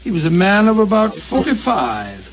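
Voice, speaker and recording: A man's voice: sits high, huge pitch swings, moderate pace, a little hiss or hum. Doctor Watson: bluff, fatherly storyteller. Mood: genial. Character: genial elderly male doctor, storyteller. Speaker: narrator in radio drama. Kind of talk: 1940s radio acting. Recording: dull 1940s radio recording.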